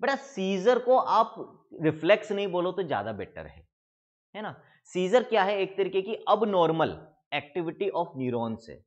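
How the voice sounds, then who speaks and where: Lively Indian man teaching biology. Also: high-pitched, unhurried, muffled recording. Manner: explains step by step, often asks the class questions and answers them; mixes English terms into Hindi speech, calls students kids. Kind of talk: online exam-prep lecture.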